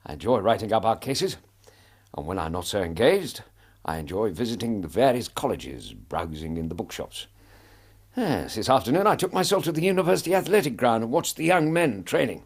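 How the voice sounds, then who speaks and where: Genial, gravelly Doctor Watson. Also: male voice, lowish voice, very animated, a little fast. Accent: English. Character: genial, courteous, contented male doctor companion. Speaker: actor in a radio drama. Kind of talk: British radio drama acting.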